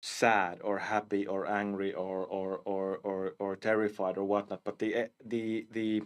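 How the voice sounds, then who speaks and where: A man, a cinematics director, talking casually in an interview, halting with many restarts and fillers. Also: on the low side, flat delivery, clear, resonant tone. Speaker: live action and cinematics director.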